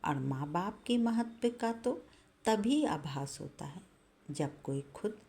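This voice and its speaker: A woman storyteller with a lowish voice reads a moral tale at an unhurried, deliberate pace. Her delivery is measured and earnest throughout. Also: lively intonation, warm tone.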